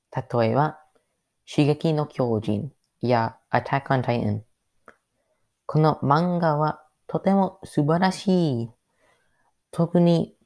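Very slow-talking man, halting learner's speech. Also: a little high, a little mellow. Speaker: podcast host. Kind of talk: solo podcast monologue.

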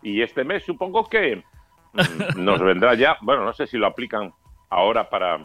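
A man's voice: fairly low pitch, big pitch swings, normal speed, a bit bright, soft background music. A newly retired man in his sixties from Spain, chatting casually, swearing freely and laughing as he tells stories. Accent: Spanish. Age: 60s. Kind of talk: casual banter.

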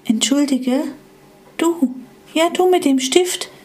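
A woman voicing a small, shy, curious yellow GPS device who asks questions timidly. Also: high voice, slow, pitched above the performer's own voice. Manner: timid and polite, slightly raised voice.

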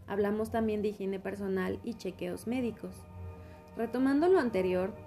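A woman hosts an educational talk, speaking in a clear, instructive way to a young audience. Her voice is warm and mellow rather than bright. Faint music plays underneath. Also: medium pitch, moderate pace. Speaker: host. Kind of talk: scripted educational presenting.

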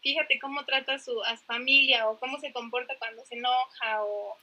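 A woman chatting on a faith podcast, expressive and friendly as she shares a personal anecdote. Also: fairly high pitch, brisk, low-quality recording. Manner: chatty, expressive, laughs easily. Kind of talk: casual faith-based podcast talk.

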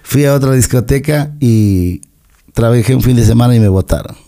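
A middle-aged man from Latin America chats through a long story on a podcast. His voice is very dark and mellow at a middle pitch, and he slips into the voices of people he quotes. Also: normal speed. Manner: chatty, acts out quoted dialogue. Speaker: podcast guest. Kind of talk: casual storytelling.

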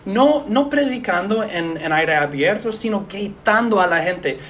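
High-voiced man preaching a sermon. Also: lively intonation, a bit bright, a little hiss or hum. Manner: measured, earnest preaching with pauses. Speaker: pastor.

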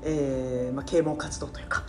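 A guest from Japan speaking politely and modestly in a casual interview, with formal phrasing. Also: female voice, rumbling low, flat delivery, moderate pace, over music. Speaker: podcast guest, activist.

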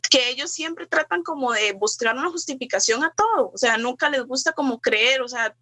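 Woman, bright, slightly high, earnest, dry close recording. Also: moderate pace, no echo. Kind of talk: casual faith chat.

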